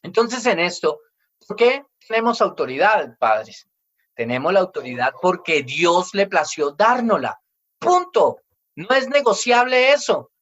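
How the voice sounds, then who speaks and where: A man's voice: high-pitched, very animated, a little slow, fairly bright tone, lo-fi sound. Emphatic male pastor preaching. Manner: emphatic, acts out children's complaints in quoted voices. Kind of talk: sermon.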